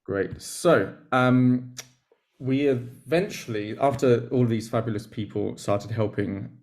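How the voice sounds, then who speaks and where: A man hosting a live video call, presenting in a relaxed, chatty way. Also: medium pitch, takes it slowly. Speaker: host.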